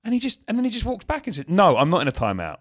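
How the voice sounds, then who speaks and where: A man co-hosting a casual chat podcast, telling animated stories and acting out exchanges with his toddler. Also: high-pitched, racing. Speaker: podcast co-host.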